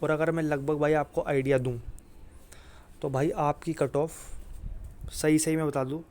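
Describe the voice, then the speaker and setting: A man with a fairly high, darkish voice coaches listeners through exam preparation in an informal way. He keeps repeating his points emphatically, reassuring people and addressing them directly with frequent fillers.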